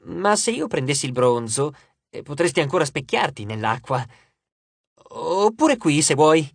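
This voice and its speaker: A wisecracking teenage tinkerer, acted by a male reader, talks with sarcastic, bargaining ease. His pitch moves a lot, recorded in a dry, close booth. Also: sing-song, unhurried, vocal fry, slightly rough, no echo, full character voice. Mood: wry. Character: cheeky, wisecracking teenage boy mechanic.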